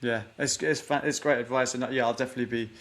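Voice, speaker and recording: Man, podcast host, flat even delivery, earnest, repeats words. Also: medium pitch, fast talker. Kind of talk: interview wrap-up, asking questions.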